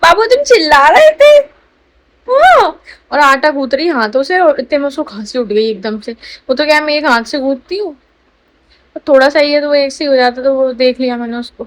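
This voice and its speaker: Young woman, high-pitched, casual home vlog, chatty, confiding. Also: a little fast. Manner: chatty, confiding, baby talk. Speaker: new mother vlogger.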